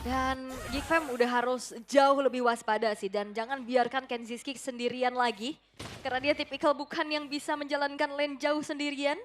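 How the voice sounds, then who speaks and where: A woman giving analytical esports commentary with lively reactions. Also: sits high, normal speed, slight background noise.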